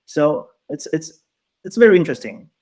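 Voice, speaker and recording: A man's voice: fairly high pitch, sing-song, normal speed, darkish tone. A young man from Taiwan, a polyglot guest, chatting in a friendly way over a video call and laughing often. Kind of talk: casual interview answers.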